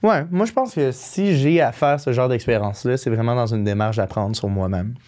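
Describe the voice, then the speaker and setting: A man's voice: medium pitch, moderate pace, a little mellow. A young adult man speaking casually with a Quebec French accent, slangy and repeating himself for emphasis. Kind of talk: casual conversation.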